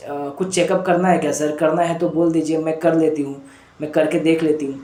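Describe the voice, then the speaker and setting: A man's voice: a little high, level tone, fairly quick, dark tone, close to an everyday voice. A man voicing a distressed woman patient in pain, pleading and repeating herself, calling him sir. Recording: echoey room.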